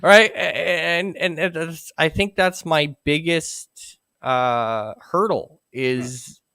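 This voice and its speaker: A man's voice: a little high, gravelly, pushed and bright, no echo. A man talking casually as a guest, often restarting his sentences. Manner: halting, many restarts. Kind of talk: casual chat.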